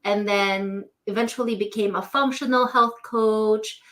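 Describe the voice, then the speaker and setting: A woman's voice: medium pitch, fairly even intonation, a little slow, fairly bright tone. A woman from the Philippines, a nurse and business owner, answering interview questions in a chatty way with frequent ums and light laughs. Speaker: interview guest, nurse and entrepreneur.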